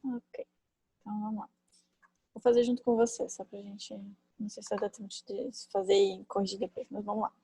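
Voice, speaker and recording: A woman teaching a French class online, chatty and thinking aloud, with many fillers and quick tag questions, on a computer mic. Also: medium pitch, fairly even intonation, vocal fry, dark tone, breathy edge, rough recording. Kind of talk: online class, explaining grammar.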